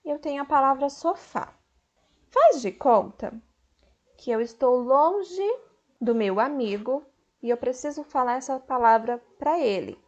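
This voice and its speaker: Slow, patient Brazilian schoolteacher woman. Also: high-pitched, expressive, muffled recording. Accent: Brazilian Portuguese. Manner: slow, clear, patient explaining to children; stretches stressed syllables loudly in examples. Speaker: teacher. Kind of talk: recorded online school lesson.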